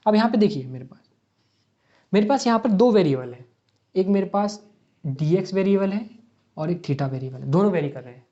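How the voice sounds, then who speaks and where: Man teaching physics, mellow and muffled. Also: high-pitched, animated, a little fast, pauses often. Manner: asks rhetorical questions and answers them step by step; mixes English math terms into speech. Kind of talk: exam-prep lecture worked on a board. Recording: dull lo-fi sound.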